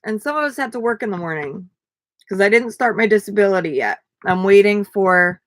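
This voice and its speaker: A woman's voice: fairly low pitch, gravelly, no room sound. A tired young woman chatting casually to viewers on a live stream, rambling with many fillers. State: tired, yawning.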